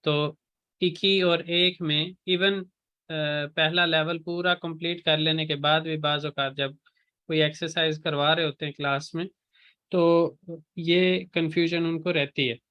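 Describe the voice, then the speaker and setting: A male language teacher, speaking at a deliberately slow pace in a slightly higher voice. He drills each word patiently, saying it again and again while correcting pronunciation. The delivery is calm and methodical. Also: smooth, highs cut off. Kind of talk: online class lesson.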